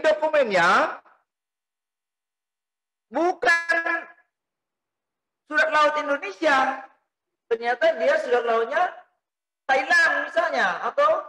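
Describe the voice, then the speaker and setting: A man's voice: extremely high pitch, pushed and bright, low-quality recording. A middle-aged man giving a recorded lecture, explaining step by step and asking and answering his own questions, recorded indoors on a desk microphone. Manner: gestures while talking. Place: small indoor room. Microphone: desk mic on stand.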